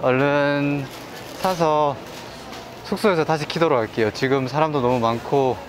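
A man's voice: a little high, very fast, noisy background. A man hosting a vlog, talking through a face mask in a busy outdoor market, giving upbeat travel narration. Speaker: vlog host. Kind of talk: casual vlog chat.

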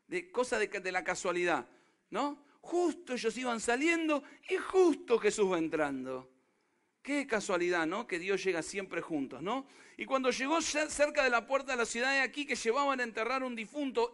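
Pastor, male, River Plate accent, very high bright voice, emphatic, keeps quizzing the congregation. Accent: Rioplatense Spanish. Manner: emphatic, asks the congregation questions often. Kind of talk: sermon.

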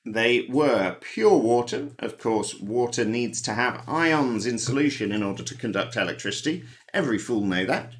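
A man's voice: medium pitch, expressive, moderate pace. A man hosting a pub quiz, reading out the answers with dry, wry asides. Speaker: quiz host. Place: home, recorded alone.

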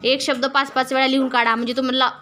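A woman's voice: high voice, level tone, fast, pushed and bright, slight background noise. A middle-aged woman teaching a class, walking pupils through each point and stopping to put questions to them. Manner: asks pupils questions and waits for answers. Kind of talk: classroom lesson.

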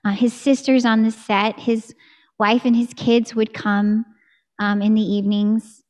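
A woman's voice: fairly high pitch, little pitch movement, unhurried, darkish tone. An American woman singer in her thirties, chatting enthusiastically in a video-call interview from a room at home on a studio mic. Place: home room with curtain backdrop. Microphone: studio mic on a boom arm.

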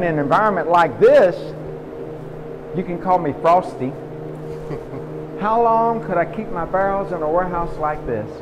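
A middle-aged distillery guide leads a live-streamed tour through a large indoor barrel warehouse and walk-in cooler, explaining in a folksy way and answering his own questions. His voice sits slightly high. A phone camera carried by someone walking with him picks up a long reverb tail and faint noise.

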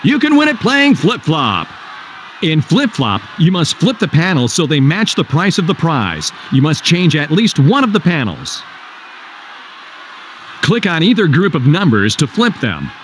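High-energy male game show announcer, lively pitch. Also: unhurried, slight background noise. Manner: energetic, showy announcer delivery. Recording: loud music behind the voice. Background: loud game show music.

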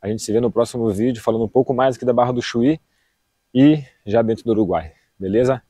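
Fast and slightly rough, with a warm mid-range voice, a southern Brazilian man in his thirties chats informally and slangily to the camera as a travel vlogger. He's outdoors on an open beach among dunes, holding an action camera at arm's length, and the recording is dry.

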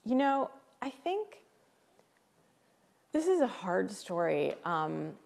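A woman's voice: medium pitch, very animated, slow pace, vocal fry, a little mellow, big-room sound. A woman author in a live interview, telling a personal story in a thoughtful, candid and emotional way. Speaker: author guest. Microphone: live stream setup.

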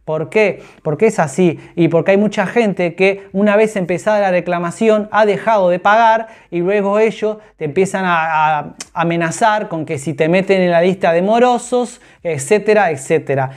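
A personal finance vlogger in his thirties gives direct-to-camera advice from a small room with an orange wall. His high, darkish voice is earnest and explanatory, and he gestures with his hands.

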